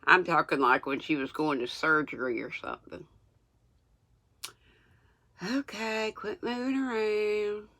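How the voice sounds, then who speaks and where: A woman's voice: fairly low pitch, steady tone, a little slow, long pauses, pushed and bright. An older woman with a Southern US accent talks and reads aloud without her teeth in, her articulation slightly mushy, in a folksy, self-deprecating way. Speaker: host reading books aloud to viewers. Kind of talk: casual livestream chat and read-aloud.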